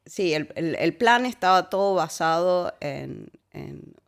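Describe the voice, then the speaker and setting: Speaking in a lowish voice with vocal fry, this Córdoba-accented Argentine woman in her forties recounts her life as a relaxed interview guest. Her speech is halting, with repeated words and easy laughter.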